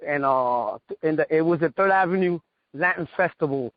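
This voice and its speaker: A man's voice: a little high, moderate pace, no room sound. A man from New York, a martial artist guest, reminiscing in a casual radio interview. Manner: reminiscing, talks in street-direction detail. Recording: dry, dull lo-fi radio audio.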